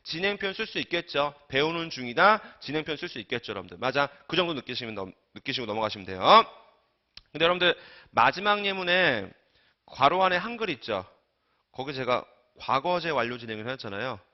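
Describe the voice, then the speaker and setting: A man teaching an English grammar lecture, coaxing students with questions he answers himself and trailing off softly at the ends of phrases. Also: mid-range voice, big pitch swings, fast talker. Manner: coaxing, asks and answers his own questions. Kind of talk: recorded online lecture. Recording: dull lo-fi lecture recording.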